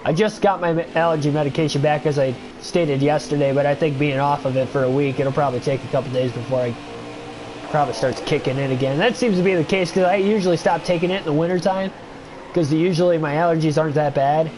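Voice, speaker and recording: A fast-talking young livestreamer with a stuffy nose, voice on the high side and steady in tone, rambles with frequent fillers. He chats with viewers and comments on a racing game, with background noise audible.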